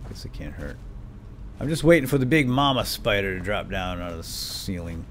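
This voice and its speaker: A low male voice, fairly bright in tone, with lively intonation at a moderate pace and slight background noise. As a let's player, he gives playful, lightly role-played commentary, chatting with himself and his in-game companions over the game's cave ambience, combat, and sound effects.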